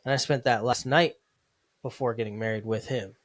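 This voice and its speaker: A man's voice: mid-range voice, steady tone, normal speed, no room sound. A man in his thirties co-hosting a family podcast, talking in a loose, casual way and saying "dude" often. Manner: laid-back, says "dude" and "like" a lot. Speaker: podcast co-host. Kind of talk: casual conversation.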